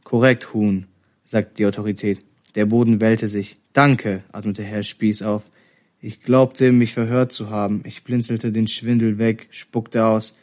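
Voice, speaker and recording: A man reads a first-person novel aloud. His voice is low and stays in a narrow pitch range. He reads in a measured, steady way. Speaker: reader.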